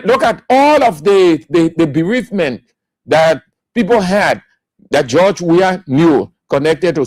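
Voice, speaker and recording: Liberian male talk radio host, high animated delivery, dry studio sound, hammers key words. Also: no room sound. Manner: emphatic, repeats key words for stress. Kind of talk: political commentary.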